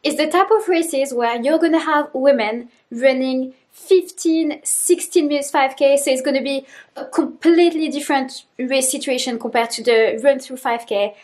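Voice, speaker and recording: A woman's voice: sits high, normal speed, a little mellow, reverberant. A woman vlogger talking casually to camera in a video diary. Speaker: vlogger, amateur runner.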